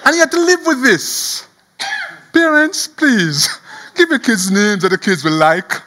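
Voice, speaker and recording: A man preaching a sermon as a pastor, animated and chuckling as he tells the story, often repeating words. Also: high voice, unhurried.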